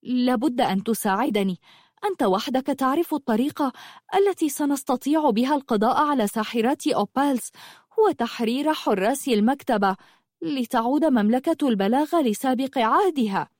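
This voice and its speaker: A woman's voice: sits high, expressive, brisk, a little mellow, no room sound, clean studio sound, voice pushed up. A woman voicing an anxious young woman who pleads and guards what is hers. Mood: pleading. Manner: pleading, worried, protective.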